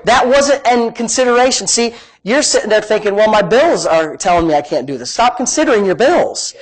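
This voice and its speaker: A man preaches at a live-streamed, amplified church service in a conversational teaching style. His big, high-pitched voice is expressive and fairly quick, and he has an emphatic, folksy manner, repeating phrases for emphasis. The audio is poor.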